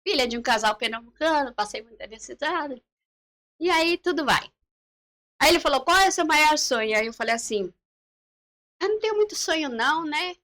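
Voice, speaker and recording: A high-pitched woman gives her testimony on a church live stream. Her voice is bright and sharp, and she tells her story with lively drama. She is middle-aged and acts out each remembered exchange. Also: brisk, pauses often. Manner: animated storyteller who acts out the dialogue she recalls. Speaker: guest giving a faith testimony.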